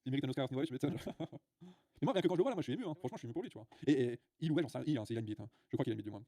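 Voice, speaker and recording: A man's voice: medium pitch, expressive, rapid-fire, warm tone, dry recording, studio quality. A man hosting a livestream, ranting bluntly to his viewers with many filler sounds and restarts. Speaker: livestream host. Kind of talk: casual livestream rant.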